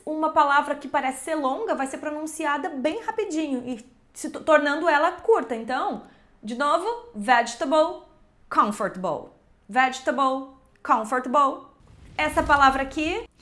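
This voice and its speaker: A woman teaching English pronunciation, explaining patiently and repeating example words slowly. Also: high-pitched, a bit bright. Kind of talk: pronunciation lesson to camera.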